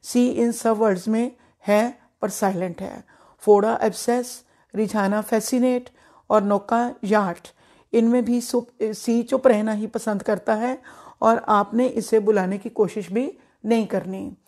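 Slow, mellow-voiced woman teaching pronunciation. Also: a little high, fairly even intonation. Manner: slow, deliberate, repeats each word carefully. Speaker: English teacher, former principal. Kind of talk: pronunciation lesson in Hindi.

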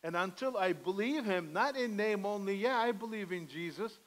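High-voiced man preaching earnestly. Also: moderate pace, a bit bright, low-quality recording. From Armenian heritage. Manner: earnest, pleading, gestures broadly at pulpit. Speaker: pastor. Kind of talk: sermon. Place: church sanctuary, indoors, medium size. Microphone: headset mic.

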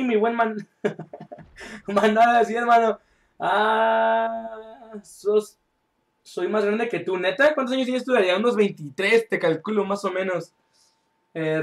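A young man streaming a game live, chatty and joking as he reads out viewer chat and shouts calls mid-match. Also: high voice. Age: young adult.

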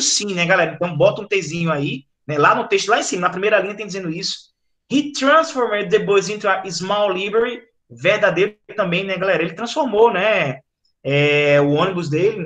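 A man's voice: high-pitched, a bit bright. A man with a Brazilian Portuguese accent teaching an online English class, chatty and explanatory, often checking in with his students. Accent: Brazilian Portuguese, from Rio Grande do Norte.

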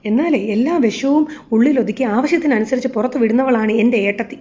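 A woman's voice: a little high, fairly quick, dark tone, close to an everyday voice. A woman reading the lines of a sly young man, the scheming son, in a curt, dismissive way. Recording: slightly dull lo-fi recording.

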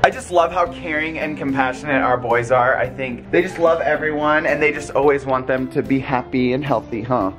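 A man's voice: medium pitch, brisk, few pauses. A young man filming a casual family vlog at home, talking to the viewers and his kids with a playful manner and frequent laughs. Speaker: family vlogger. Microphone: handheld camera at arm's length. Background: background music.

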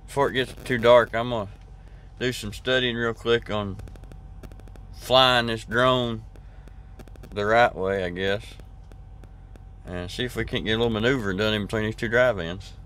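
Easygoing trucker talking low. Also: male voice, steady tone, normal speed, pauses often, fairly bright tone. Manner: rambling, easygoing, drawls, many fillers and restarts. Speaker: trucker vlogger. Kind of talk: casual vlog chat to camera. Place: parked truck cab. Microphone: camera at arm's length.

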